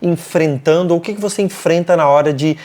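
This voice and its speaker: A man's voice: a little high, a little fast, darkish tone. A man with a Brazilian accent, co-hosting a casual motivational talk, speaking emphatically and repeating short punchy slogans. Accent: Brazilian Portuguese.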